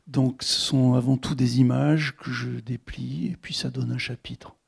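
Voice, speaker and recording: A man, an author, reading his own text as a slow, incantatory litany and then answering questions about how he writes. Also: mid-range voice, steady tone, gravelly, darkish tone, breathy edge. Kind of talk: literary reading and interview answers.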